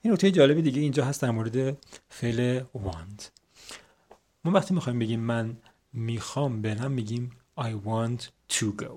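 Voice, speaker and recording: Persian-speaking guy teaching english, reads the lines real slow and spells words out, mellow dark voice. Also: medium pitch. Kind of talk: explaining an English text line by line.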